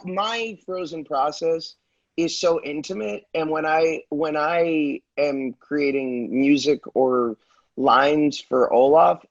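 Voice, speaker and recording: A man on a panel, talking candidly and jokingly about his own work, in animated bursts. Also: a little high, vocal fry, no echo, lo-fi sound. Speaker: voice actor on a panel.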